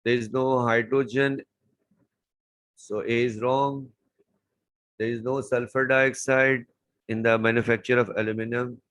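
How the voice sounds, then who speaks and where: A man's voice: medium pitch, little pitch movement, measured pace, pauses often, a bit bright, no echo, low-quality recording. A man tutoring chemistry, walking through exam questions step by step and repeating key words. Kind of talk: exam paper walkthrough lesson.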